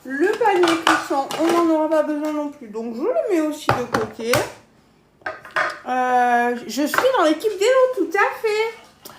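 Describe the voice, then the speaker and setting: A woman's voice: high voice, sing-song, unhurried, very noisy. A woman with a southern French accent, hosting a casual cooking live stream from her kitchen, chatting with viewers and laughing often. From south of France. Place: home kitchen.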